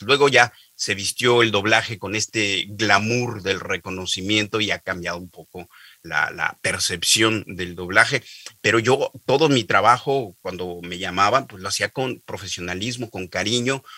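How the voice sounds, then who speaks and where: A middle-aged man with a low-pitched yet intensely bright, forceful voice. He tells career anecdotes as an interview guest in a lively way, often repeating words while he gathers his thoughts, and the sound is close and dry. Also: no room sound. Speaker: voice actor guest. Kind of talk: interview storytelling.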